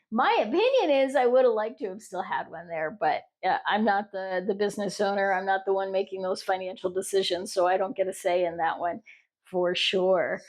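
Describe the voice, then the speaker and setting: A middle-aged American woman chats casually on her crochet vlog in a mid-range voice at a moderate pace. She rambles, with restarts and fillers along the way.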